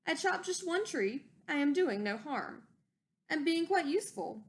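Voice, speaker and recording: An old, secretive inventor from a storybook as a woman reads him, eager to justify himself. The voice is high and emphatic, with an excited recounting manner. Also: a little slow. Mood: defensive, boastful.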